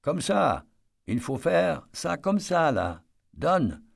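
A man's voice: a little high, very animated, slow pace, vocal fry, voice pushed up, full character voice. A man voicing a bold young male prisoner who schemes and shows off, speaking in a brash, coaxing sing-song.

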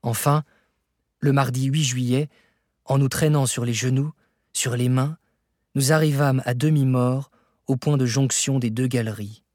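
A male reader narrates a classic adventure novel in a measured, expressive way. His voice has a husky edge at a middle pitch. The recording is close and dry. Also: no echo. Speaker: audiobook reader. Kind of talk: scripted narration.

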